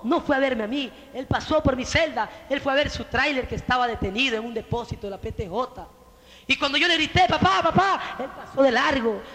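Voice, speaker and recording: A man pours out a religious testimony in the manner of a preacher, fervent and direct, calling his listener brother. His voice sits very high and sounds bright and forceful. A long hall reverb trails behind every line.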